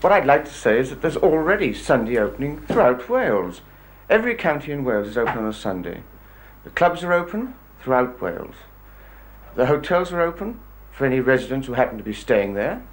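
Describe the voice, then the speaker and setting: A campaign leader makes a persuasive interview statement in emphatic, repetitive, list-like phrasing. His medium-pitched voice is sing-song and fairly quick, and the recording is rough.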